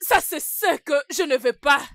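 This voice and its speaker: A woman's voice: high-pitched, moderate pace, fairly bright tone, no room sound, clean studio sound. A woman voicing a jealous, scheming co-wife in a dubbed film, harsh and threatening. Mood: resentful.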